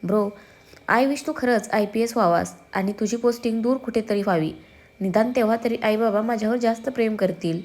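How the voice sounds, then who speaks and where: A woman's voice: fairly high pitch, fairly quick, darkish tone. A woman voicing a playful, sulky young man who teases his twin brother and slips English slang into his lines. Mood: teasing. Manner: teasing, whiny, drops in English slang.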